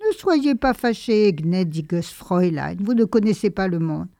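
A woman's voice: medium pitch, lively intonation, measured pace, mellow, no room sound, studio quality. A woman voicing a courteous, worldly German army lieutenant in a read-aloud story. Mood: gallant. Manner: polite, gallant.

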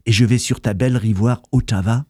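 A man's voice: mid-range voice, fairly even intonation, fairly quick, a little mellow, breathy edge. A man with an Alsatian accent hosting a radio interview in a studio, chatty and effusive, slipping German words into his French. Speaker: radio host.

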